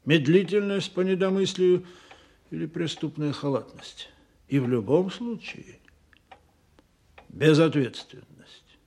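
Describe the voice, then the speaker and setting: An actor playing Stalin as a stern, menacing older supreme leader, deliberate and accusatory, in a radio play. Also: male voice, a little high, darkish tone. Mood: accusing, stern. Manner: slow, deliberate, accusatory, repeating questions.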